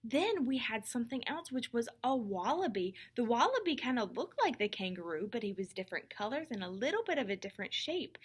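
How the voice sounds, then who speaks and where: A higher-voiced woman teaching young children. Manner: slow, clear and encouraging, demonstrating voices. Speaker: music teacher.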